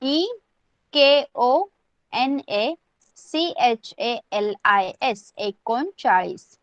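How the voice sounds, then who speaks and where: Teacher, woman, online class: slow deliberate drilling, spells words aloud, dull dry audio. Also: fairly high pitch, animated, no room sound. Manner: slow, repeats each word, spells it out letter by letter; mixes English, Hindi and Marathi when explaining. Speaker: language teacher.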